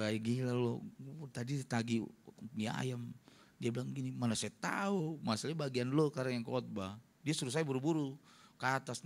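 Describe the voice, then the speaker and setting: A pastor's medium-pitched voice fills a church hall as he delivers a funny, story-driven sermon, playfully acting out the words of others. There's a little background noise in the recording.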